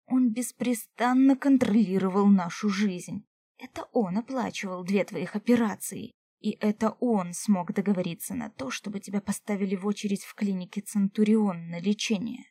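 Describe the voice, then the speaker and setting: A woman voicing a furious, vengeful man who snarls his threats in a loud, heavy voice, reading an audiobook. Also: medium pitch, dry recording, clean studio sound, natural voice.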